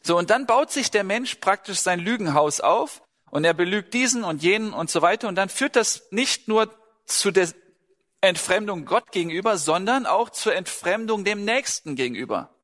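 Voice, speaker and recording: A man with a high, animated, fairly bright voice preaches at normal speed to a gathering in a large hall with long reverb. His sermon is conversational, full of questions for listeners and short acted-out dialogues.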